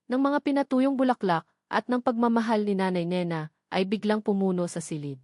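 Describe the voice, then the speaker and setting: Recorded dry in a clean studio, a woman reads as the narrator of a scripted dramatic story. Her voice is mid-range and a little mellow.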